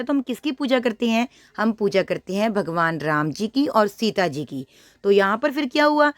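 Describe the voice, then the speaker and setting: Higher-voiced lady teacher, drags out each word for little kids, dry close sound. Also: a bit bright, no room sound. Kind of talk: primary school reading lesson.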